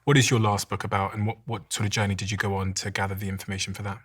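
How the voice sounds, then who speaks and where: A male podcast host who opens an interview by reading statistics in a measured, careful way. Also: lowish voice, little pitch movement, fairly bright tone.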